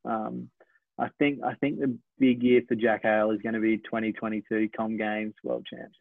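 A man's voice: fairly low pitch, little pitch movement, vocal fry. Sprinter in his twenties on a tinny line. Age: 20s. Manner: reflective, measured, self-correcting. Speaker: sprinter, interview guest. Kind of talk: casual interview talk. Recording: dry, tinny phone-like line.

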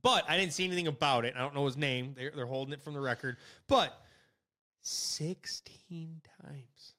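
A young man co-hosting a casual podcast, animated, blunt and joking as he runs through local news. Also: medium pitch, rapid-fire. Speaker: podcast co-host.

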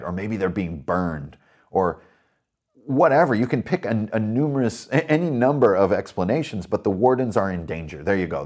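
A man with a low voice hosts a roleplaying game podcast. He rambles with enthusiasm about his setting, leaning on fillers and asides. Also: a little mellow. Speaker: podcast host and dungeon master. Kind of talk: casual worldbuilding talk.

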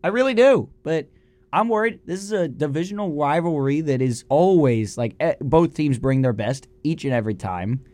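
A man co-hosting a casual sports talk show, animated and opinionated as he reasons aloud. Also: on the high side, normal speed, no echo. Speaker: sports radio co-host.

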